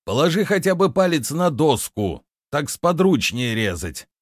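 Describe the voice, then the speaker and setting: A man voicing a frail old hermit herbalist in an audiobook, speaking softly and pleading. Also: mid-range voice, expressive, slow, dry recording, clean studio sound, voice pushed up. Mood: urgent. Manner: soft, urgent, pleading. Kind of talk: audiobook character reading.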